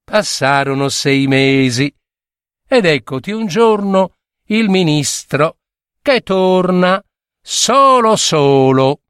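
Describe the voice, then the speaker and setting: A man from Italy reading a fairy tale aloud with lively, theatrical narration. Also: fairly high pitch, takes it slowly, clean tone, dry recording, clean studio sound. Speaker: storyteller.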